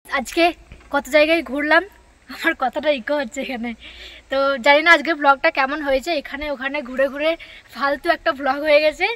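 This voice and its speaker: A woman vlogging outdoors beside a stone-stepped pond. Her voice echoes off the stone walls, and she talks more quietly as she signs off. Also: sits high, fairly even intonation, a little fast. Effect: voice echoing off stone walls. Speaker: travel vlogger. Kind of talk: casual travel vlog talk to viewers.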